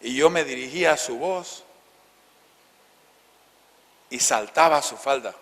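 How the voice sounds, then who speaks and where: Gravelly fifty-something preacher, santa cruz bolivian accent, storytelling, goes soft and hushed, big echoey church hall. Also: male voice, mid-range voice, unhurried. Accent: Bolivian Spanish, Santa Cruz. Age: 50s. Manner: storytelling, dropping to soft, hushed tones for tender passages. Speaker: pastor. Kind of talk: sermon.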